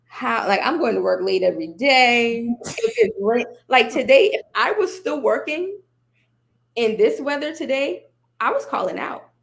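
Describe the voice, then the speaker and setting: A woman guest on a podcast, telling her story in casual conversation, animated and laughing often as she quotes herself and others. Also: on the high side, normal speed, creaky.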